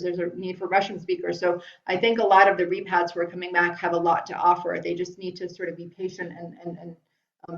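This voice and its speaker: Her voice is fairly low and gravelly: a middle-aged Iranian woman hosting a live webinar from a room at home, casually answering viewers' questions and often restarting or saying um. The video call sound is dull, lo-fi and roomy.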